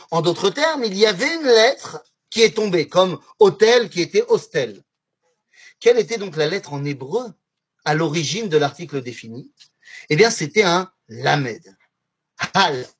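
A man teaching a lively religious lesson on Hebrew words to a class, often asking his students questions. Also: high-pitched, slightly rough. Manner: animated, asks the class questions. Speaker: Torah teacher.

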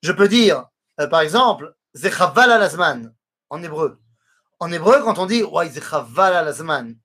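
Husky man teaching a lively Torah lesson. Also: on the high side. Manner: explains slowly, weaving in chanted Hebrew quotes. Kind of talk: explanatory religious lesson.

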